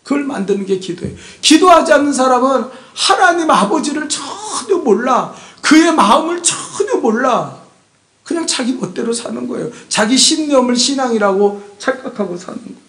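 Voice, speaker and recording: A man pastor delivering a Sunday sermon, emphatic and prodding his congregation with rhetorical questions, swinging between loud exhortation and hushed asides. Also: very high-pitched, animated, normal speed. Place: church sanctuary. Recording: echoey church room.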